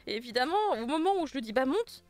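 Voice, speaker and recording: A woman's voice: sits high, lively intonation, quick pace, darkish tone, faint music behind. A woman hosting a casual online panel chat from home, talkative, laughing often and trailing off into fillers. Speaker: host. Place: at home with a cat nearby.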